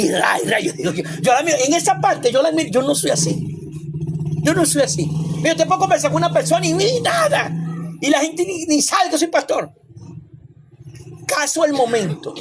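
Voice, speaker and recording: A man's voice: very high-pitched, slight background noise. A man preaching a sermon as a pastor, emphatic and repetitive, with rhetorical questions and asides.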